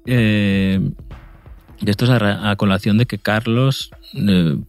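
A man co-hosting a casual podcast about football, laughing often and joking at his own expense, with halting restarts. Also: on the low side, steady tone, soft background music. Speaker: podcast co-host.

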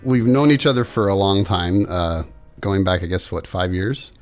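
A man's voice: low voice, animated, normal speed, faint music behind. A man hosting a podcast, friendly and asking his guests questions in casual chat. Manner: friendly, asks questions, laughs. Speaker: podcast host.

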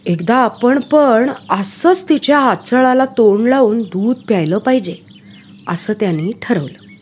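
A woman telling a storybook tale in a calm, expressive reading voice. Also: fairly high pitch, unhurried, breathy edge. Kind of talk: storybook narration.

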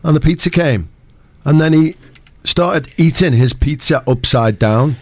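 A man's voice: on the high side, unhurried, no room sound. A man co-hosting breakfast radio, telling an anecdote in an easygoing way on a studio mic. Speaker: radio co-host.

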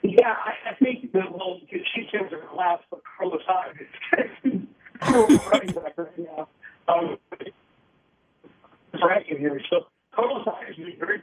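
High husky man over a tinny phone. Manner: emphatic, piles up examples. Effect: heard over a phone line. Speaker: sports radio host calling in as guest. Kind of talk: sports analysis chat. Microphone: telephone.

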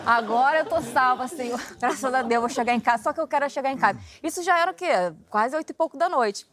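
Fast, high-voiced carioca woman storyteller. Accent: Rio de Janeiro Portuguese. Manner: animated, acts out quoted voices. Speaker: guest storyteller. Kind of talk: casual podcast storytelling.

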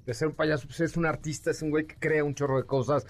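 A middle-aged Mexican-accented man hosts a radio interview from a studio booth, teasing and bantering with his guest. His voice sits notably high for a man. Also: steady tone, fast, faint music behind. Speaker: radio host.

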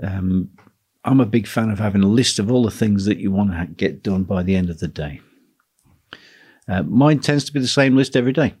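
A man hosting a solo talk on running a teaching business, speaking in a relaxed, musing way. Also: fairly low pitch, a little fast, husky. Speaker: podcast host, guitar teacher.

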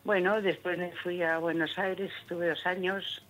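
A woman's voice: on the low side, flat delivery, unhurried. A woman in her eighties, a guest on a radio interview, speaking in a matter-of-fact way and stumbling over repeated words. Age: 80s.

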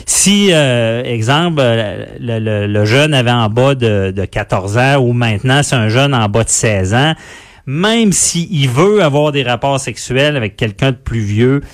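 Male legal guest with a Quebec French accent, explanatory and halting, with frequent stumbles. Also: mid-range voice, animated. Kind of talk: explaining law on air.

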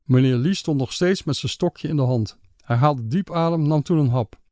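A man narrating an audiobook in a calm, measured, matter-of-fact way. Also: a little high, no echo, clean studio sound.

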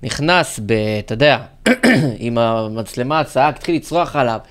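A man co-hosting a casual political chat, telling stories and mimicking shouting protesters. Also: mid-range voice. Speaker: podcast co-host.

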